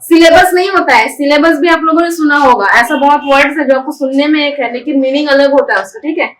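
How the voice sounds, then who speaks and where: A woman teaching a spoken English lesson, her high, bright voice spelling each word letter by letter and splitting it into syllables. She keeps checking in with her students. The echoey room and the distance from the mic give it a hollow sound, with faint ambience behind her. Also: quick pace, a little hiss or hum. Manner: spells words letter by letter, breaking them into syllables. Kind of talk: classroom lesson in Hindi with spelled-out English words.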